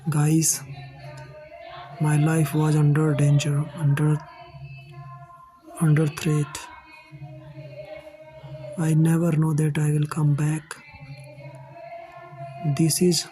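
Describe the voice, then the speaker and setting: A man from India with an Indian English accent, telling his own life story to his viewers in a halting, earnest way. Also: on the high side, warm tone, rough recording. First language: Hindi. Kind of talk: personal storytelling to camera.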